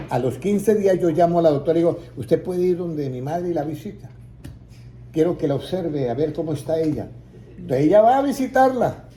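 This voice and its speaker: Dark-voiced man preaching a testimony. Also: a little high, a little hiss or hum. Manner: storytelling, acting out quoted voices, rising to emphatic peaks. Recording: roomy echo, faint ambience.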